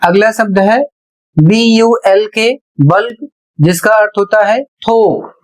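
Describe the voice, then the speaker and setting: A male teacher walks through an English pronunciation lesson at a very unhurried pace. He spells each word out letter by letter before saying it, then explains the rule patiently. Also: sits high.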